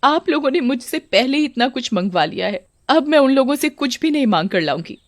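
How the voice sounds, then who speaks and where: A woman's voice: sits high, expressive, fairly quick, dry recording, voice pushed up. Brief: meek young bride, read by a woman storyteller, timid pleading tone, dry sound. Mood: defiant.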